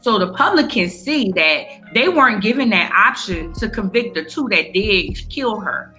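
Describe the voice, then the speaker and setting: Talking through the news casually with friends, this American podcast co-host is blunt and opinionated, speaking at a moderate pace with an animated, pushed, bright mid-range voice. Soft music plays in the background.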